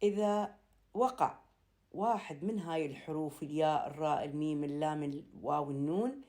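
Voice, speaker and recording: A woman with an Iraqi accent teaching a Quran recitation lesson, explaining slowly and deliberately and chanting verses. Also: low-pitched, warm tone. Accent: Iraqi Arabic. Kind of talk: recorded tajweed lesson.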